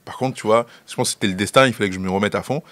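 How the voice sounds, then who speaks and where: As an interview guest in casual chat, a young man from the Central African Republic, a film director with a Central African French accent, recounts stories very fast, laughing a lot and tripping on repeated words. His voice is on the low side and a bit bright, with no room sound.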